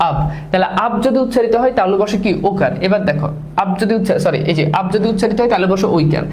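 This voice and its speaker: A male teacher, explaining grammar and repeating syllables slowly while quizzing his students. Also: high voice, expressive, darkish tone, reverberant, slight background noise, rough recording. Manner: repeats sounds slowly, asks students questions. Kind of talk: grammar lesson.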